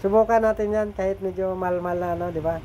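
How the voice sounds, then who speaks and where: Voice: mid-range voice, steady tone, fast, dark tone, slight background noise. A middle-aged food vlogger with a slightly nasal voice, chatting casually to viewers while eating and cooking, often turning to them for agreement.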